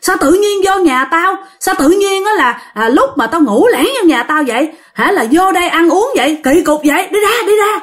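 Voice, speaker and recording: A woman voicing an angry old woman who scolds her neighbor in a shrill, indignant way. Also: expressive, brisk, fairly bright tone. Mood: scolding.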